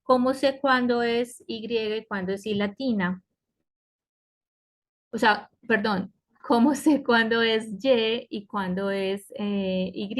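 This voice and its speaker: A woman teaching an online English class, explaining slowly and patiently and often checking in with her students. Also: medium pitch. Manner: slow, patient explaining with frequent checks like "¿cierto?". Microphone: computer mic on a web conference.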